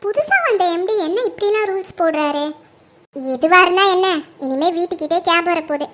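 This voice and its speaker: A woman's voice: extremely high pitch, animated, brisk, fairly bright tone. A woman voicing a polite young female office worker in a cartoon. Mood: pleased.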